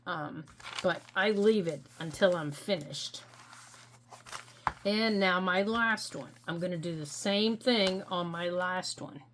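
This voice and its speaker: A middle-aged woman hosting a crafting tutorial, explaining each step gently and patiently with frequent ums. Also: mid-range voice, a little hiss or hum. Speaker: crafting channel host.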